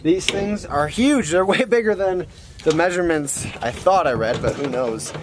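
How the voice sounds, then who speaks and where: A young adult man with a slightly high voice and lively intonation chats laid-back and slangy at a normal pace as a vlogger and show host. He films himself with a handheld camera at arm's length in a dirt yard beside some garages, and the outdoor audio is noisy with passing vehicles.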